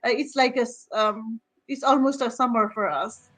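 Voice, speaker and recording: A woman from Nepal with a high, light voice speaks over a video call. She talks in a relaxed, halting way, full of fillers and restarts. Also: soft background music. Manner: hesitant, many fillers and restarts, laughs often. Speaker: guest. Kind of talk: casual video-call chat.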